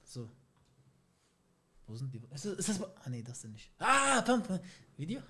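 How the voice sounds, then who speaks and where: A man's voice: high voice, wildly swooping pitch, normal speed, pushed and bright, breathy edge. A young man streaming a reaction video, making slangy, teasing remarks and laughing at what he watches. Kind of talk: mocking reaction commentary. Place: indoor streaming room. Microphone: headset with boom mic.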